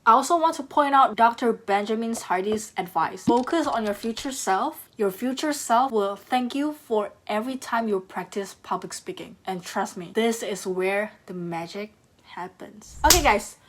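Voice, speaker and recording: A woman's voice: fairly high pitch, normal speed. A woman talking to camera in a casual, earnest and encouraging way, giving direct self-help advice in non-native English phrasing.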